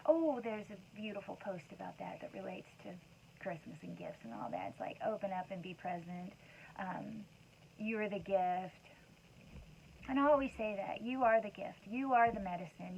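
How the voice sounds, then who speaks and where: In dull, lo-fi sound with a faint noise floor, a woman who is a mother and wellness talk host rambles through a casual motivational talk packed with asides. Her voice is a little high and gravelly.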